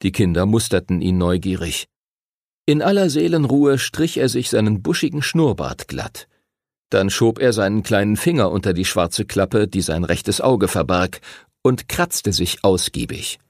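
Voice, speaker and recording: Male audiobook narrator, husky and lively, dry studio sound. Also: fairly low pitch, a little slow, no echo. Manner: expressive, voices characters. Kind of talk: scripted narration.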